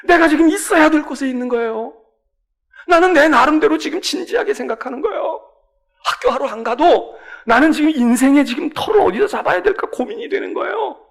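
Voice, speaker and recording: A man's voice: medium pitch, a bit bright, husky, pitched below the performer's own voice. A man playing an earnest twelve-year-old boy who insists on explaining himself to his mother.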